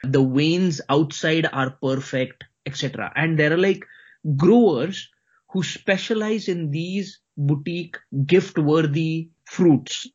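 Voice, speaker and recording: A man's voice: fairly high pitch, slow, husky. A man with an Indian accent chatting casually as a co-host, explaining things and putting details right. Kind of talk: casual conversational chat. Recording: slightly dull, lo-fi audio.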